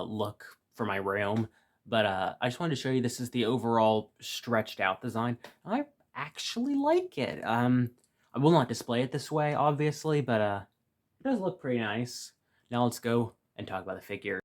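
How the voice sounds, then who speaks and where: A man's voice: mid-range voice, animated, moderate pace. A man giving a casual, rambling review of a toy set from his room, full of fillers and restarts.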